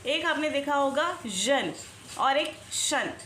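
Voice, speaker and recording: Woman, spelling teacher, slow careful delivery, letter-by-letter spelling, quizzes learners, echoey room, faint background noise. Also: high voice, lively intonation, sharp tone. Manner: asks the learners questions. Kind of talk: online lesson in Hindi-English mix.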